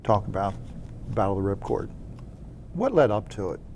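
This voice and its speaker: A man's voice: fairly low pitch, very animated, a little fast, a little mellow, slight background noise. A man interviewing a veteran, asking plain, brief questions.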